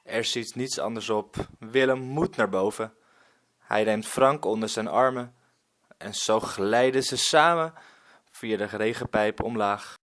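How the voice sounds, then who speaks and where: A man reading a children's story aloud in an expressive storytelling manner. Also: fairly low pitch, a little slow.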